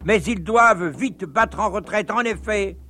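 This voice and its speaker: A man narrating a radio documentary from a script, telling the story dramatically with sharp rises and drops. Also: high-pitched, unhurried, a little hiss or hum.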